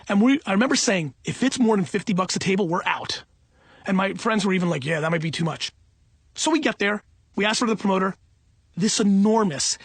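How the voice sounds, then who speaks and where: A man telling a personal story in a casual, excited, rambling way, often breaking off mid-sentence. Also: sits high, creaky, slightly rough, dry recording. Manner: excited, rambling, self-interrupting. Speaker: speaker answering audience questions.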